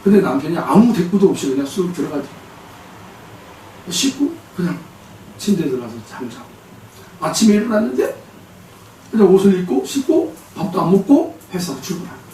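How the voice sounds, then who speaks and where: Male pastor, lively sermon storyteller, fairly high voice, echoey church hall, distant mic. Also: a little fast, long pauses, slight background noise. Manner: animated storytelling, acting out quotes. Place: church sanctuary.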